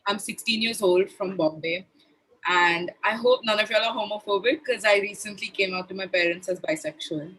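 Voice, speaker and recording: An actress playing an outspoken teenage girl from Mumbai who talks in a brisk, direct way. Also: mid-range voice, a bit bright, slight background noise, lightly acted, rough recording. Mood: defiant. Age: teens.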